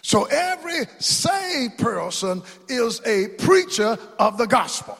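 Preaching man, high lively voice. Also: slow pace, vocal fry, husky. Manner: call-and-response preaching, swings to shouts. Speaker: pastor. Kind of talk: sermon. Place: church sanctuary. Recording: long hall reverb.

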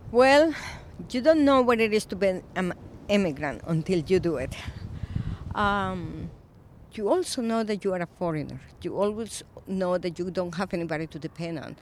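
A Colombian-born woman in her fifties, an Episcopal priest, speaking thoughtfully in a recorded interview, with frequent pauses and fillers. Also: on the low side, expressive, a little hiss or hum. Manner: reflective, soft-spoken with frequent pauses and fillers.

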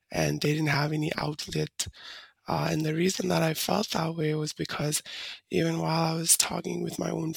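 A young woman from Nepal, a podcast guest whose voice runs through a disguise filter that makes it deeper, talking hesitantly with many fillers and restarts. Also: gravelly, breathy edge, dry recording. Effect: voice disguise filter, pitched down to sound deeper. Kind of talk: interview conversation.

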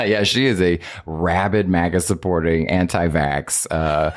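A man with a very deep voice chats casually on a podcast. He laughs a lot and tosses in wry, jokey asides. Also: steady tone, unhurried. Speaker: podcast co-host. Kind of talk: casual chat.

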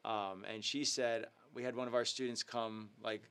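A man's voice: fairly low pitch, fairly even intonation, moderate pace, a bit bright, smooth. A man hosting a live youth ministry talk show, speaking casually and earnestly with lots of ums and uhs as he shares updates and a devotional. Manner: filler-heavy, earnest, upbeat. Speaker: youth ministry leader and host.

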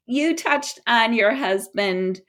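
A woman's voice: a little high, expressive, slow pace, fairly bright tone. A woman hosting a conversational interview, engaged and sharing her own memories with her guest. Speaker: host.

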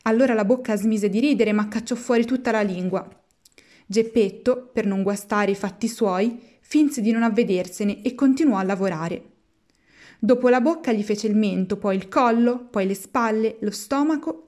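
Mellow woman reading a storybook aloud. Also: a little high. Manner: measured, expressive read-aloud. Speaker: narrator.

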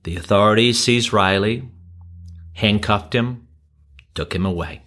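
A man preaching, telling a story in a measured, dramatic manner with shifting tempo. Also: lowish voice, fairly bright tone. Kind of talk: sermon storytelling.

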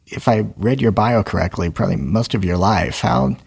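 Guy hosting a podcast in a studio, lowish voice, lots of uhs and restarts. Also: lively intonation, vocal fry, a little mellow, breathy edge. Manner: friendly, halting with many fillers and restarts. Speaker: podcast host. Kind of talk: casual interview.

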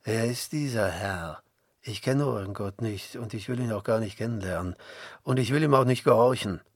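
A man's voice: medium pitch, slow pace, creaky, breathy edge, no echo, studio quality, exaggerated voice. Man reading as a haughty, angry king. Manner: haughty, commanding. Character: proud angry male Egyptian king.

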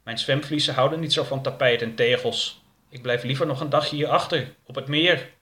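A man's voice: medium pitch, moderate pace, pushed and bright, roomy sound, natural voice. Man doing a placid web-footed waterbird. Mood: calm.

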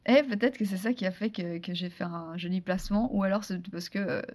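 A woman from France, a guest in a casual interview, telling a story in a lively, chatty way with many restarts and fillers. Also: medium pitch, a little fast. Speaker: interview guest, former beauty pageant contestant.

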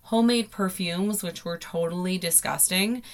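An American woman hosts a podcast from a closet, her voice sitting slightly low. She tells personal stories casually, in an informal, gushing way peppered with filler slang. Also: moderate pace. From South Florida, United States. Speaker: podcast host. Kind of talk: casual, chatty personal storytelling. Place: inside a closet at home.

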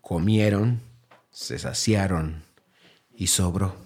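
A man preaching a sermon as pastor. He drives his points home with repeated rhetorical questions, dropping low and quiet, then rising to a raised, urgent appeal. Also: slow, husky. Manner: swings between low, quiet phrases and raised, higher exhortation.

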